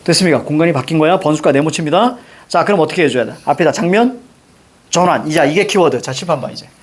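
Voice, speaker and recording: A male teacher giving a brisk literature lecture, directing students and firing quick questions at them. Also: fairly high pitch. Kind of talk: classroom lecture.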